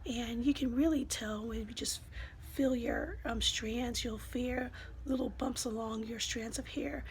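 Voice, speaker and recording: A woman chats casually to her viewers in a fairly high voice that is giving out from a cold. It keeps thinning into breathy, voiceless whispering. The home recording has plainly audible noise. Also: a little slow, low-quality recording. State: lost voice from a cold. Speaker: vlogger. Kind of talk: casual vlog talk to viewers.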